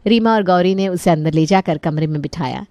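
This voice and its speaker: A woman narrating a family story in a calm, even storytelling manner. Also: on the low side, a little fast, no echo.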